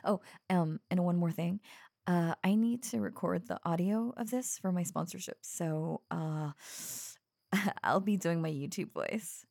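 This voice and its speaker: A young woman voicing an obsessive young streamer who speaks softly and coaxingly to the listener, with nervous giggles. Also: on the low side, a little slow, vocal fry, no echo, clean studio sound. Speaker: voice actor in an audio roleplay. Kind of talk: audio roleplay addressed to the listener.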